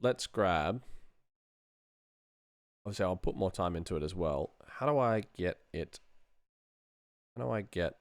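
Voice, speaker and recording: A middle-aged man sits low in pitch, his intonation lively, his pace measured and broken by frequent pauses, with no room sound. He is a sound designer on a livestream, chatting casually while working and musing aloud in a dry, self-deprecating manner.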